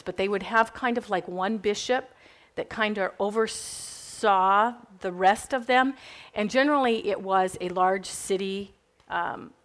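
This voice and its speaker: In a classroom full of students, a Minnesota-accented woman gives a church history lecture with a medium-pitched, fairly bright voice. She keeps it conversational and loose, peppering her talk with fillers and side comments.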